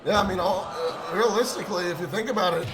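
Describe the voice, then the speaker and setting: A man doing excited wrestling commentary who erupts into shouts at big moves. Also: sits high, fast, poor audio. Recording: over loud crowd and music. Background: crowd noise and music.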